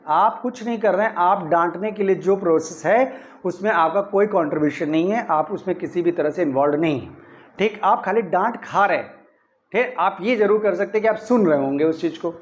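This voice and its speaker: Man, high voice, grammar teacher, patient step-by-step explaining, dull lo-fi sound. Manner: explains step by step, often checking "clear?". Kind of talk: Hindi-language grammar lesson.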